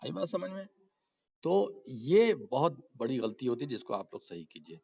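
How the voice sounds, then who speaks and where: A man's voice: mid-range voice, sing-song, vocal fry, darkish tone, breathy edge. A man teaching Quran reading and tajweed, explaining patiently, repeating points and asking the class questions. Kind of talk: spoken lesson with slow chanted recitation examples.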